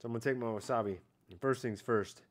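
A man in his thirties with a medium-pitched voice speaks quickly during a nighttime fish tasting on an outdoor patio. Recording a casual catch-and-cook vlog on a head-mounted camera, this fishing vlogger is laid-back, wanders in his talk, and leans on "like" and "I don't know".

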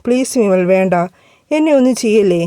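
A woman's voice: medium pitch, quick pace, mellow, dry recording, studio quality, natural voice. A woman voicing a frightened young woman who pushes back and pleads in a raised voice, in a storybook reading. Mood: pleading.

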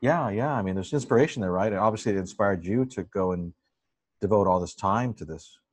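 Host, male, low-ish voice, gushing and casual, laptop mic at home. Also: a little fast. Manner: enthusiastic, effusive, searching for words. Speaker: host interviewing a photographer. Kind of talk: casual video call chat.

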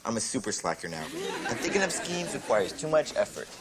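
A man's voice: medium pitch, very animated, a little fast, natural voice. Lazy teen slacker played by a man, very noisy recording. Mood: dismissive. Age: young adult. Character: lazy, sarcastic, self-absorbed teenage slacker boy. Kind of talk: broad teen sitcom acting. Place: studio fast-food kitchen set. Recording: very noisy old TV sitcom recording. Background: studio audience.

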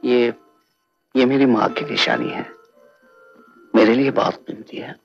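An actor playing a blind, heartbroken husband who speaks in wounded, poetic reproaches. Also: male voice, mid-range voice, a little slow, gravelly, soft background music. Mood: guarded. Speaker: lead actor. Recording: dull old film soundtrack with score.

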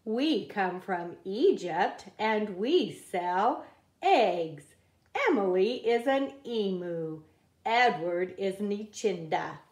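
A woman reading a children's picture book aloud at a table, in a slow, careful read-aloud cadence. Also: mid-range voice, animated, darkish tone, reverberant. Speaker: reader. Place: indoors at a wooden table.

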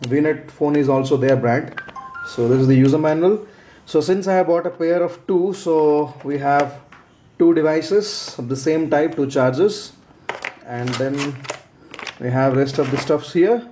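A product reviewer with a warm, fairly high-pitched voice speaks unhurriedly in a casual unboxing and how-to demo. He explains step by step but hesitantly and repetitively, seated at a tabletop in a small indoor room. The recording has a roomy echo and faint background noise.

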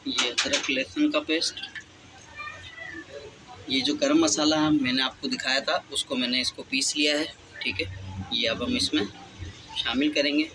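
A man's voice: fairly high pitch, unhurried, pauses often. Chatty man explaining a recipe, noisy kitchen. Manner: chatty, plain explaining with frequent filler phrases. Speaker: home cooking channel host. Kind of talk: casual step-by-step cooking instructions.

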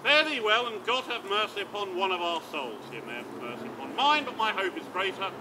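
A man on an open-air stage playing a boisterous, scheming old knight who talks in a loud, swaggering, theatrical way. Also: high voice, sing-song, fairly quick. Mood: mocking. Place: outdoor stage. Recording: outdoor recording with traffic noise.

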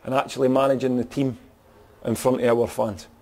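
A man's voice: medium pitch, flat delivery, brisk, mellow. A man with a Scottish accent, a football manager talking frankly after a match and often saying "you know". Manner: frank, plain-spoken, peppered with "you know". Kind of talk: post-match interview.

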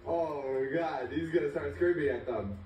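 A man's voice: fairly high pitch, normal speed, far from the mic, a crowd in the background. A young man reacting in casual, jokey commentary, exclamatory and mock-scared. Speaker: reaction video host. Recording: noisy, very echoey TV playback from afar.

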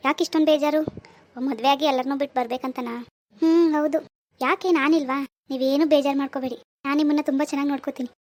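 A woman's voice: sits high, fairly even intonation, fast talker, darkish tone. A woman, performing a chatty, gossipy village comedy skit.

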